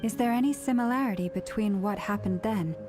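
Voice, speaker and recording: An actress playing a polite, curious young woman companion in a video game, speaking in a measured, inquisitive way. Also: medium pitch, close to an everyday voice. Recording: music behind the voice.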